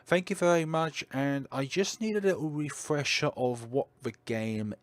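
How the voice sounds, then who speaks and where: A man with a deep voice, chatting casually on a livestream with lots of fillers and a slight stutter. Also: moderate pace, no room sound. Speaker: streamer.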